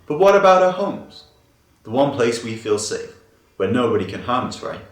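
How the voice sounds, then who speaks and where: A man's voice: medium pitch, big pitch swings, moderate pace, natural voice. A man playing an earnest, easily amazed infomercial host with an exaggerated salesman's delivery. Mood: grave concern. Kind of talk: parody infomercial presenting. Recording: roomy, distant mic, music behind.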